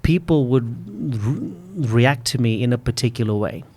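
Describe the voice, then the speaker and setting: A man in his late thirties with a stutter, repeating word starts, speaking slowly and reflectively as a podcast guest. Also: medium pitch, expressive, dark tone. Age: 30s. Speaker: public speaking coach. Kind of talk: podcast interview.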